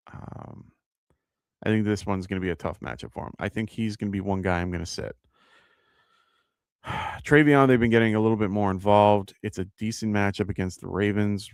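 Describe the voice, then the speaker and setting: A man's voice: fairly low pitch, creaky, no echo, studio quality. A man with a New York accent hosting a live fantasy football show, talking casually and thinking aloud with lots of fillers as he answers viewer questions.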